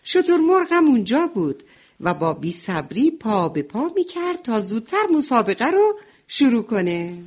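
A woman narrating a children's story in the role of a grandmother, expressive and tender. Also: a little high, slightly rough.

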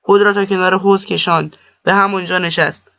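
A man narrating a story in a steady, measured reading. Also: sits high, vocal fry, dry recording. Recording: dull lo-fi dry recording.

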